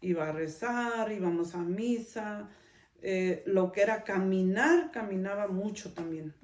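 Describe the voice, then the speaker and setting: A middle-aged woman hosts a podcast, chatting through a personal story and often ending her sentences with a questioning tag. Her voice is medium-pitched, a little slow and slightly mellow. She sits far from the mic in a roomy space.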